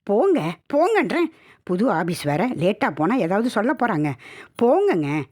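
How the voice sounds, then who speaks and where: A woman's voice: mid-range voice, very animated, a little slow, darkish tone, voice pushed up. A woman voicing a young wife, affectionate and teasing, in a spoken horror story. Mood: coy teasing. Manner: coy, playful pleading.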